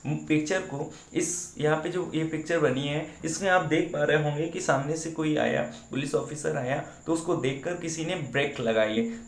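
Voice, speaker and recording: A man's voice: a little high, roomy sound. A man teaching English vocabulary in an online exam-prep lesson, explaining patiently and asking his students questions he then answers.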